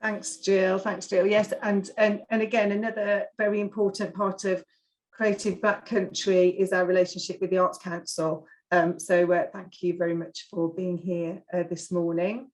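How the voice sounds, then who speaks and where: A woman hosting an informal panel, introducing speakers in halting, hesitant phrases. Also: mid-range voice, flat delivery, darkish tone, poor audio. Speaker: panel host.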